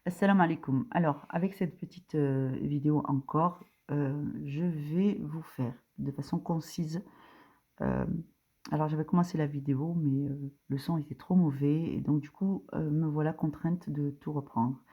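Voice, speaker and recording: A religious teacher gives an informal lesson explaining a diagram step by step, hesitating often and using many fillers while rising in emphasis on key points. Her voice is low, husky and steady at a moderate pace, in lo-fi sound.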